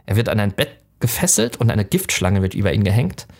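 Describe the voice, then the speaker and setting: Low-voiced man animatedly retelling a myth. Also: fairly quick, gravelly. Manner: animated retelling with frequent restarts. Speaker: podcast host. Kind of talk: casual storytelling in a film podcast.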